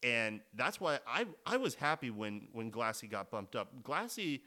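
A man's voice: mid-range voice, sing-song, a little slow, bright, forceful tone. A man co-hosting a podcast, chatting casually and animatedly about sports, swearing freely and restarting sentences often. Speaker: podcast co-host.

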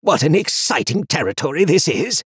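A fussy high-pitched talking book. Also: male voice, big pitch swings, normal speed, fairly bright tone, breathy edge, no echo, studio quality, full character voice. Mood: enthusiastic. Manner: lecturing, know-it-all. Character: fussy chattering male talking book, pedantic. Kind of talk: audiobook character voice.

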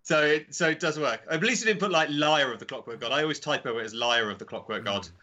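A man's voice: on the high side, quick pace, bright, forceful tone, dull audio. A man talking casually as a guest in an informal interview. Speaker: indie game developer, podcast guest.

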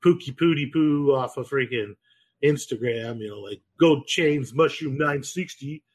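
A man hosting a podcast, chatting casually in a rambling, profane, animated way. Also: medium pitch, a little slow, husky. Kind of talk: casual chat.

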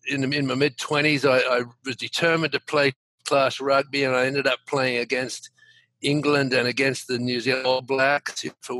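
A man, a company founder answering interview questions in a relaxed, reflective way over poor audio. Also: mid-range voice, dry recording. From Australia. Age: 70s. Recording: dry, poor-quality audio.

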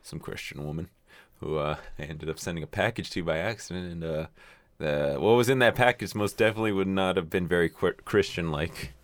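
A man with a very low, deep voice talks in a loose, rambling way, swearing freely and stacking fillers. The sound is dry and close, with no room around it. It is everyday casual chat among friends. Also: fairly quick, no echo. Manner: rambling, profane, with many fillers.

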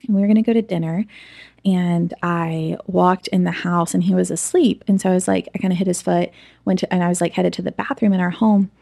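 A woman speaks in a low, slightly gravelly voice, recorded close and dry. She tells a personal story to an interviewer, candid and reflective, with plenty of ums and likes. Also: steady tone, fairly quick, dark tone, dry recording. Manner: candid, reflective, with frequent fillers. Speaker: interview guest.

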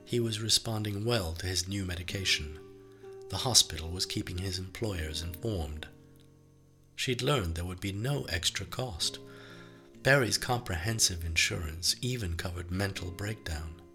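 A man reading an audiobook as its narrator, in an even, measured storytelling manner. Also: low-pitched, soft background music. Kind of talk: scripted narration.

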